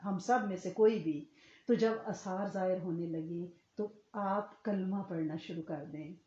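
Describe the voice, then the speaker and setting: Warm-voiced woman teaching in an echoey room. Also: fairly low pitch. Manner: earnest, explanatory, often checks in with listeners. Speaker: Islamic religious teacher. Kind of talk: religious lecture to a women's class. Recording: echoey room, slightly muffled sound.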